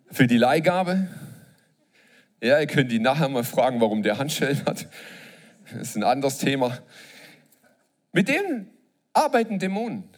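A man preaching a sermon to a live congregation, joking and asking the audience questions. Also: mid-range voice. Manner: lively, jokes and asks the audience questions.

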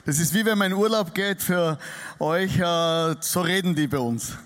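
A middle-aged Austrian man preaches to a church congregation, his voice pitched high for a man. He talks in a chatty, self-deprecating way, with an Austrian German accent. The delivery is a relaxed sermon. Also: normal speed. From Austria (Styria). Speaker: pastor. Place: church hall before a congregation.

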